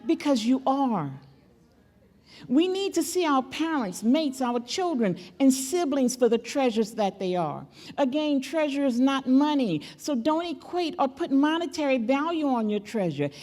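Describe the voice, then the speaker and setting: A woman's voice: sits high, sing-song, a little slow, a little mellow. An older woman, a great-grandmother, preaching as guest speaker at a church, emphatic and repeating key phrases as she calls on the audience. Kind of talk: sermon.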